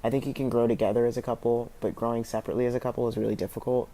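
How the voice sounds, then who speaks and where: Hesitant man with a mellow voice. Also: medium pitch, level tone, racing. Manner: hesitant, thoughtful, many fillers. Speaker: interviewee. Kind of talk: casual interview answers.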